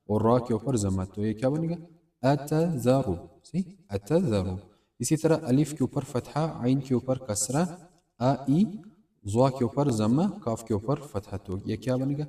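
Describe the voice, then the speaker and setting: A man's voice: medium pitch, dark tone, far from the mic. A man teaching a Quran reading lesson step by step, patiently asking and answering his own questions.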